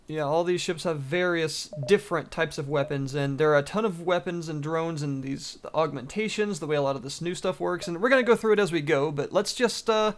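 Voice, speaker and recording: A man with a slightly high voice hosts a gaming video and talks over his play in a loose, casual way. He sounds keen and rambles with plenty of fillers as he goes. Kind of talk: casual let's-play commentary.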